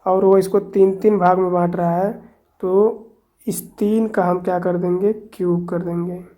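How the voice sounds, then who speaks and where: A woman's voice: on the low side, fairly even intonation, measured pace, dark tone. A woman teaching a math lesson, explaining step by step and counting aloud with frequent checks. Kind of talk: explaining on a board.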